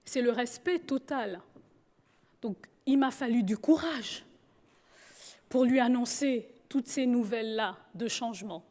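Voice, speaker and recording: A woman's voice: fairly high pitch, unhurried, a little mellow. A woman from Gabon, telling her life story with humor. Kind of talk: personal storytelling talk.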